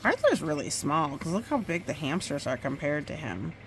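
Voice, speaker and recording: A rough recording with some hiss or hum captures a woman whose voice sits low as she reads a children's book aloud. She brings expression to it, pausing now and then to chat about the pictures.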